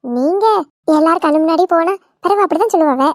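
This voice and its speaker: A woman's voice: very high-pitched, fast talker, heavy background noise. A woman voicing a playful, talkative young village daughter-in-law, in a cartoon. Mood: cheeky. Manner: playful, teasing, cheeky. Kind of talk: cartoon voice acting.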